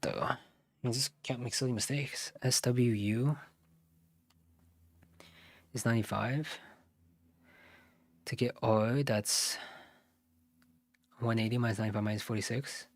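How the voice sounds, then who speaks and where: An American SAT tutor streams live, working through math questions with a mid-range voice and no echo. He thinks aloud as he goes, muttering and correcting himself along the way.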